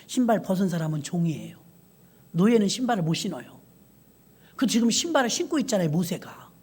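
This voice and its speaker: A woman's voice: lowish voice, fairly quick, husky. A woman pastor preaching a sermon, telling stories and speaking directly to the congregation. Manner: lively storytelling, addresses congregation directly.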